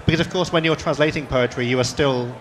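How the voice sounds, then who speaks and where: A man's voice: medium pitch, fast talker, long reverb tail. A man moderating a panel discussion, asking long questions with many restarts. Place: panel session at a book fair.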